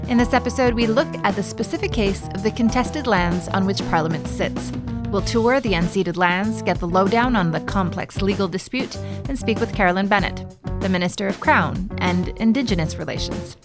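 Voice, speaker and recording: A woman hosts a politics podcast in a clear, measured way. Her scripted lines sit over a clear music bed. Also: mid-range voice. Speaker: podcast host. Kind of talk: scripted podcast narration and interviewing.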